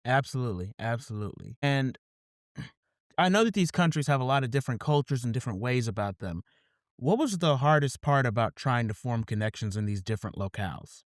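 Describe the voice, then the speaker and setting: A man's voice: medium pitch, lively intonation, brisk, no room sound. Casual male podcast host, dry sound. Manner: casual, often repeats "absolutely". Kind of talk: scripted opening then casual interview.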